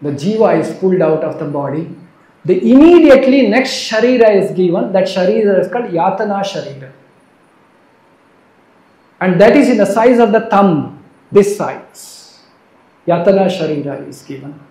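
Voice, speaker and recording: A man giving an earnest devotional sermon, moving between soft and emphatic delivery. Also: sits high, lively intonation, normal speed, pauses often. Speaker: preacher. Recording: roomy echo.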